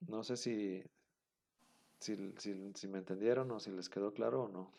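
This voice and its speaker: A man's voice: lowish voice, steady tone, a little slow, gravelly, dark tone. A man teaching a class, patiently repeating the rules with many fillers. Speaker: Hebrew teacher. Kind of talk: online class explanation.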